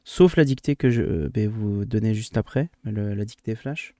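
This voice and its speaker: A man's voice: fairly low pitch, moderate pace, dark tone, no echo, clean studio sound. A male primary school teacher recording a remote lesson for his pupils, hesitant with many fillers and restarts, livelier when he explains a rule.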